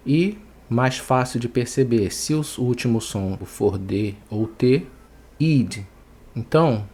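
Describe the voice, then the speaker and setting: A man with a Brazilian Portuguese accent teaching English pronunciation, patiently repeating words slowly to show each sound. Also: on the low side, dark tone. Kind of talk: online English pronunciation lesson.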